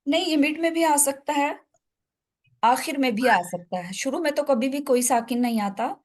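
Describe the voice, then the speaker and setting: High-voiced woman teaching an online class. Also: a little mellow. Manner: explains step by step, asks students questions. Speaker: tajweed teacher. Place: online video call class.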